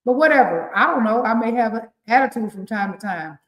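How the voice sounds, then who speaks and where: An animated woman with a rural Southern US accent hands out relationship advice on a live-stream show. She talks casually and preaches a little, with a fairly high voice and a roomy echo around her. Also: fairly quick. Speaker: relationship coach co-hosting a morning show.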